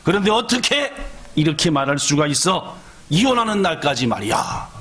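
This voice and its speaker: A man voicing an elderly husband in his sixties who shouts back at his wife, later musing on his own regrets, within a sermon story. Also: mid-range voice, slow, lightly acted. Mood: shouting angrily. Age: older. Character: old husband, stubborn then remorseful.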